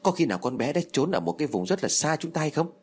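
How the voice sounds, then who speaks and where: Earnest young son, hurried and worried, voiced by a male narrator. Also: on the high side, big pitch swings, a little mellow, slightly rough, voice pushed up. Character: worried young man reporting a search.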